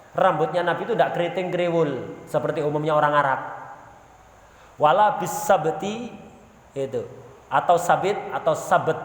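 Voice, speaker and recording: A male religious teacher, giving a conversational sermon-style lesson and asking and answering his own questions. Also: medium pitch. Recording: echoey hall with long reverb.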